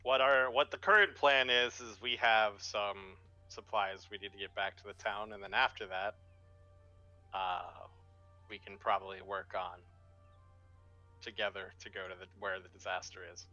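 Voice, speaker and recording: A man's voice: on the low side, level tone, normal speed, pushed and bright, soft background music. A man playing a tabletop game, talking casually and laughing between lines. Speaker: player. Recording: dull lo-fi microphone.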